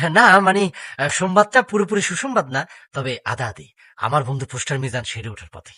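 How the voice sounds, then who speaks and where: A man's voice: mid-range voice, normal speed, sharp tone, breathy edge, no echo, clean studio sound. An actor playing a shy, lovesick village man who rambles through hesitant, flowery confessions at a window, in a Bangladeshi Bengali accent. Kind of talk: television drama acting.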